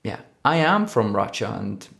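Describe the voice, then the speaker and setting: A man's voice: lowish voice, sing-song, gravelly, a bit bright. Easygoing man co-host. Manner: easygoing, agreeable, slightly halting English. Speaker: podcast co-host. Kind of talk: casual chat.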